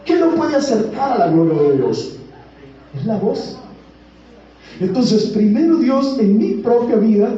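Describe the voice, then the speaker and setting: A man's voice: very high voice, dark tone. A man preaching a sermon, pressing his listeners with rhetorical questions. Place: church hall. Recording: echoey, distant, dull church recording.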